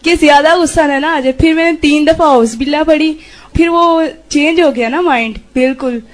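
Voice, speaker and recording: A woman's voice: high-pitched, some chatter behind. A woman student telling her class a personal story in a chatty, rambling way. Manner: chatty, tag-filled storytelling.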